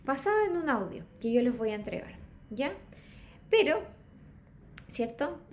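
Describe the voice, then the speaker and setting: A woman's voice: on the high side, very animated, a little slow, darkish tone, slight background noise. A woman teaching an English class, checking in constantly with her students. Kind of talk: online class lecture.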